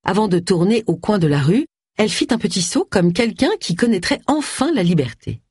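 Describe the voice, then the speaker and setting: Husky, expressive audiobook narrator. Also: medium pitch, fairly quick, dry recording, clean studio sound. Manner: expressive, shifts voice for each character. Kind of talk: scripted novel narration.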